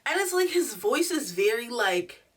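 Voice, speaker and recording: A woman giving a chatty, slangy video review in an animated, giggly, tipsy, rambling way. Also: on the high side, normal speed, recorded from a distance. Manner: animated, slangy, acts out quotes. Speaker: reviewer hosting a show review.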